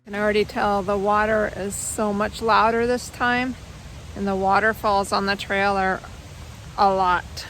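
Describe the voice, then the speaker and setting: A woman vlogger with a noticeably creaky voice at an average pitch. She chats informally to her viewers, with music clearly playing behind her. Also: flat delivery, measured pace, fairly bright tone, low-quality recording. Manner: informal, chatty, talking to viewers. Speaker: travel vlogger living full time in an RV. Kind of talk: casual vlog chat. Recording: background music under the voice.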